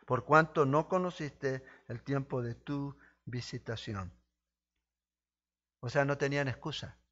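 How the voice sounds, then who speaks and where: A man's voice: unhurried, fairly bright tone. Impassioned male preacher, slightly muffled. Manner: impassioned preaching, rising to emphatic peaks then dropping low; speaks directly to listeners with rhetorical questions. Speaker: pastor. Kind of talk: sermon.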